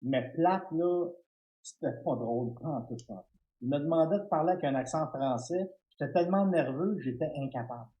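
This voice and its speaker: A middle-aged man with a Québécois French accent, a guest telling stories in an interview, animated and stumbling over restarts. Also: fairly high pitch, brisk, muffled recording. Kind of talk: storytelling interview.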